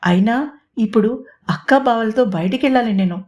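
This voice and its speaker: A lively young college girl with a brisk, snappy way of talking, as a woman narrator puts her on. Her voice sits a little above the narrator's. It is told as a storybook reading. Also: on the high side, lo-fi sound, close to an everyday voice. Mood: evasive.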